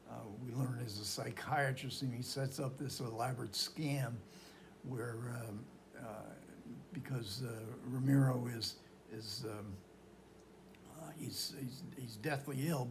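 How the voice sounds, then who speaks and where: A man giving an informal talk on film, telling it haltingly as he searches for words and repeats phrases. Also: mid-range voice, noisy background. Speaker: film lecturer. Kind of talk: informal film talk recounting history and plot.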